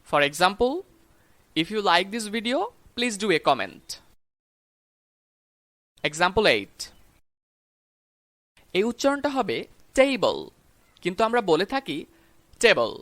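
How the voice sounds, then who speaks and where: Slow, deliberate teacher. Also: mid-range voice, a bit bright, dry recording. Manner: slow, carefully spelled-out example words. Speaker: English teacher. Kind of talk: pronunciation lesson.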